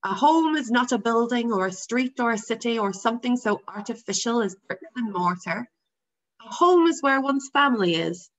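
A woman's voice: fairly high pitch, expressive, moderate pace, natural voice. A woman voicing a patient but stern father who lectures his son firmly, in a dull lo-fi recording. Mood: lecturing.

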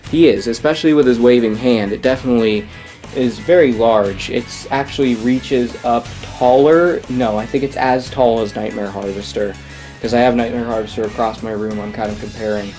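A man's voice: medium pitch, steady tone, normal speed, darkish tone, faint music behind. A young man casually reviewing a Halloween prop in his bedroom, enthusiastic and rambling, correcting himself as he goes.

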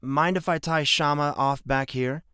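A man's voice: on the high side, steady tone, unhurried, pushed and bright, clear, resonant tone, no room sound, clean studio sound, pitched above the performer's own voice. A man voicing a determined man who speaks tersely with held-back anger. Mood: firm.

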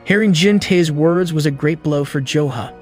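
A man tells a film's story as a scripted voice-over, in an even storytelling delivery. His voice sits a little high for a man. Soft background music plays faintly under his words. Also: normal speed. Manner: steady storytelling recap delivery. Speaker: movie recap narrator. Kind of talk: scripted narration.

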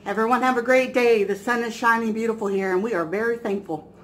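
A woman's voice: a little high, steady tone, fast, a little hiss or hum. A woman in her forties casually explaining a recipe step by step while cooking in her home kitchen, recorded on the camera mic. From US Midwest. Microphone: camera mic at counter.

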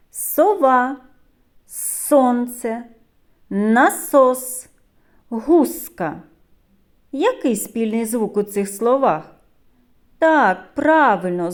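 A woman with a Ukrainian accent, a preschool teacher giving a phonics lesson to young children in a slow, clear, sing-song voice. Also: mid-range voice, a little mellow.

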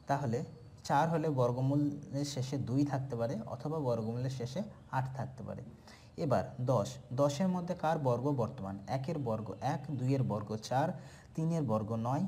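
A man teaching a maths shortcut, counting through sums aloud in steady lists and answering his own questions. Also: mid-range voice, a little hiss or hum. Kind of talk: step-by-step maths lesson.

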